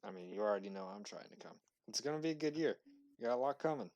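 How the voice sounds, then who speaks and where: A man's voice: on the low side, lively intonation, very fast, darkish tone, muffled recording. A man co-hosting a podcast, laid-back with brief replies. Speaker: podcast co-host. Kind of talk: casual podcast chat.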